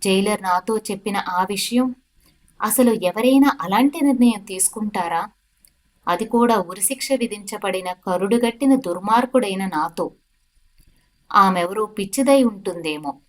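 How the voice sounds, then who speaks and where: A woman storyteller narrating a dramatic first-person story in a steady, dramatic way. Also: mid-range voice.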